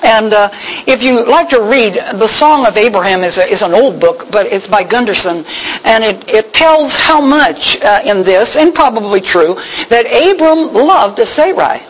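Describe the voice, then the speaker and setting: An older woman teaching a Bible lesson in a chatty, expressive sermon with humorous asides. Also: a little high, measured pace, husky, poor audio. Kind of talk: conversational sermon.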